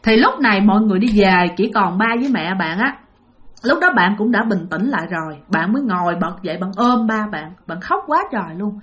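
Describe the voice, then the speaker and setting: A woman's voice: mid-range voice, lively intonation, brisk. A woman telling a ghost story dramatically, speaking directly to her listeners. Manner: dramatic, addresses listeners directly, many exclamations.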